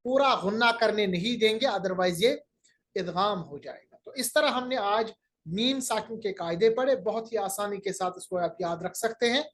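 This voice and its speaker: A woman teaching the rules of Quran recitation in a recorded lecture. She explains patiently step by step and draws out each example word slowly and clearly. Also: medium pitch, expressive. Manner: patient, plain teaching tone with pauses and fillers.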